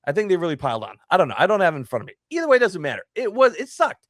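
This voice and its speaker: Young man, podcast co-host, exasperated storytelling, highish lively voice. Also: rapid-fire, dry recording, studio quality. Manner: exasperated storytelling, swings up in pitch. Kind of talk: casual sports chat.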